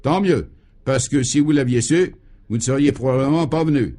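A man's voice: mid-range voice, normal speed, dark tone, natural voice. A man voicing an irascible, blustering male governor in a radio play, bellowing in sputtering tirades. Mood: furious. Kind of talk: 1950s radio play acting.

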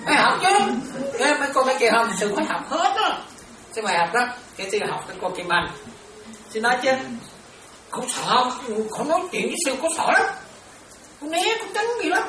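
Buddhist nun chatting in an echoey hall. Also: female voice, sits high, big pitch swings, brisk, bright, forceful tone, a little hiss or hum. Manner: chatty, laughing, addresses listeners as children. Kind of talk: informal dharma talk. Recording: roomy, from far off, crowd around.

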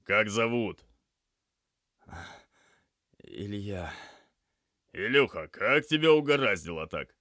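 A man voicing a brisk male paramedic who shouts clipped orders at his team. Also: lowish voice, dry recording, studio quality. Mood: urgent.

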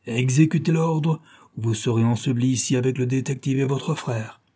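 A man reading an audiobook, voicing a savage adult male gang henchman who barks loud, threatening commands. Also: mid-range voice, fairly even intonation, moderate pace, lightly acted. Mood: furious.

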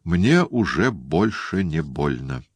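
A man's voice: a bass voice, very animated, slow pace, slightly rough, dry recording, heavily acted. A cold, scheming young woman, read by a man. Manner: dry and indifferent.

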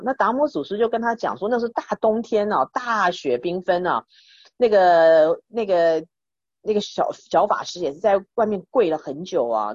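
Her fairly low voice sounds husky and a little mellow as she chats through a Buddhist text in story form. Fillers and restarts abound while she addresses listeners, all captured in a dull, dry recording.

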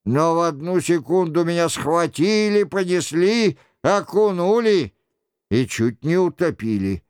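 A man's voice: on the high side, expressive, a little slow, darkish tone, clean tone, dry recording, studio quality. A man reading aloud who voices an indignant young courtier complaining of his humiliation in a costume-drama audiobook. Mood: aggrieved. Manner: indignant, aggrieved.

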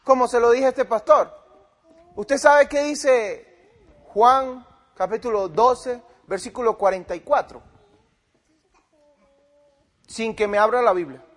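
High-voiced preacher retelling a debate. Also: male voice, slow pace, pauses often. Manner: retells a debate with quoted dialogue, swinging from loud to quiet. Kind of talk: sermon-style storytelling.

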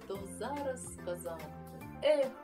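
A woman reading a children's story aloud with an expressive, lively storytelling manner. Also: on the high side, unhurried, over music. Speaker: audiobook reader. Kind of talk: children's audiobook narration.

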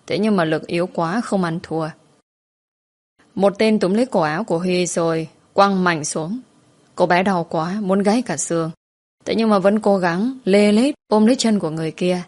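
Low-voiced woman narrating a story. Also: a little mellow.

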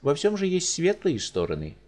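Brief: a pompous, fussy doctor, as a male reader puts him on, pitched high, animated and soothing. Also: normal speed. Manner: high, ingratiating, hedging.

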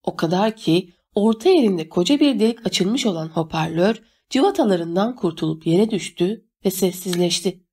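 A woman reads a first-person story aloud as an audiobook narrator. Her pitch moves a great deal, giving the scripted narration an animated, storytelling lilt. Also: moderate pace, breathy edge. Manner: expressive, animated reading.

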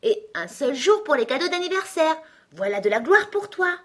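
A woman's voice: sits high, very animated, moderate pace, a bit bright, voice pushed up. Woman reading as a pompous egg man. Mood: haughty. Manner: lofty, lecturing, condescending. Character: pompous touchy male egg, scornful and boastful. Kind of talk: storybook reading.

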